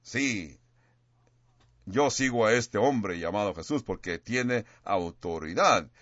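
A man's voice: on the low side, lively intonation, measured pace, a bit bright, no room sound, highs cut off. A male pastor preaching a sermon, stressing words and repeating phrases for effect, sometimes restarting a word mid-sentence.

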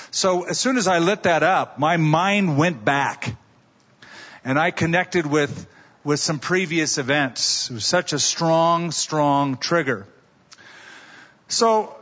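A man preaches at a pulpit microphone, his voice sitting a little higher than most men's. He tells stories conversationally and throws rhetorical questions at the congregation. The recording is dull and carries a long reverb from the church hall. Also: a bit bright. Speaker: pastor. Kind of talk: sermon.

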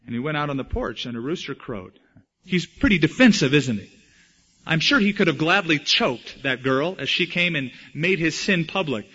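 A man preaching a sermon, dramatically acting out the quoted lines with big swings in loudness. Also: on the high side, muffled recording. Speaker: pastor.

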